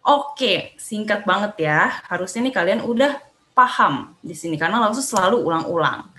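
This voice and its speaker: A woman's voice: medium pitch, expressive, normal speed, pushed and bright. A young woman teaches a live online language class, chatty and upbeat. She sounds out syllables with big, exaggerated tones. Her voice rings in an echoey room. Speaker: Mandarin teacher.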